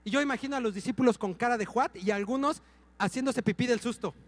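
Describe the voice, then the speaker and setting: A middle-aged man preaching a sermon, telling comic stories with sudden shouts. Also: very high voice, fast talker, big-room sound. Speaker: pastor.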